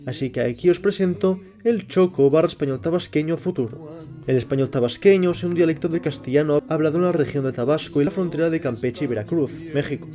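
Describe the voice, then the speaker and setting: A man, reading a scripted explanation at a measured pace. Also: a little high, warm tone, faint music behind. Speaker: channel host. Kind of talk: scripted narration.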